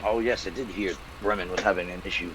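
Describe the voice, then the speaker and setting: A man voicing a male half-orc town speaker who addresses adventurers in stiff, formal speech with a gruff edge. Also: deep voice, fairly even intonation, quick pace, background noise, close to an everyday voice. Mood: courteous.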